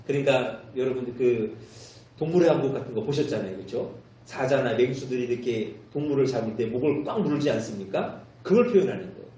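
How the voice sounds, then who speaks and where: A pastor delivers his sermon with a mellow, soft-edged voice that climbs and drops as he tells his story. He stands well back from the microphone. The church sanctuary rings with heavy echo around every word. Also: medium pitch, animated, fast talker. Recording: very echoey church hall, mic far off.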